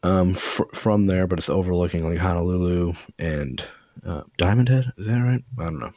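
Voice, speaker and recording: A man with a very low, slightly mellow voice tells stories in loose, rambling casual chat, profane and full of fillers, at a moderate pace. The sound is dry, a little dull, and lo-fi, with no echo or room around it.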